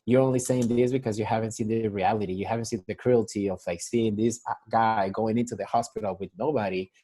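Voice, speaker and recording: A man's voice: on the low side, fairly even intonation, fast talker, dark tone. A young man from Mexico with a Mexican Spanish accent, working as a nurse and talking casually on a phone call in a rambling way, full of restarts. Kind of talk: casual interview over a call. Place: San Diego.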